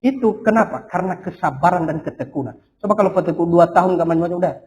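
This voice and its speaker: A man preaching a sermon as pastor, lively, asking the congregation rhetorical questions. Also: sits high, rapid-fire, low-quality recording. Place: church hall.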